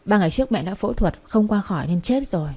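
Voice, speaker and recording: A woman's voice: mid-range voice, lively intonation, quick pace, darkish tone, slightly rough. A woman voicing a harsh older mother-in-law who berates her daughter-in-law in a spoken story. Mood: dismissive.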